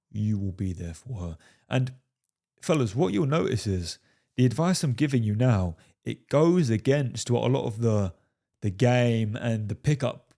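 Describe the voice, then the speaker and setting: A man's voice: on the low side, mellow. Emphatic man coaching men on dating. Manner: emphatic, repeats "fellas" and "right?"; swears for emphasis. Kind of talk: direct-to-camera advice monologue.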